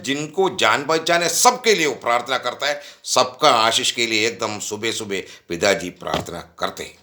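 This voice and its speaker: Lively, bright-voiced man telling a story. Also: mid-range voice. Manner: animated, acts out quoted dialogue; addresses young listeners directly. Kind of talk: storytelling devotional talk.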